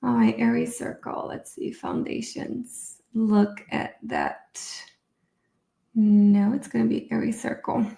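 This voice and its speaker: A woman's voice: a little high, little pitch movement, takes it slowly, creaky, mellow, reverberant. Upbeat Brazilian-born woman hosting a webinar. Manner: chatty and upbeat, thinking aloud while fixing screen sharing. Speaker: myofunctional therapist hosting a live webinar. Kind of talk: casual live-stream presentation.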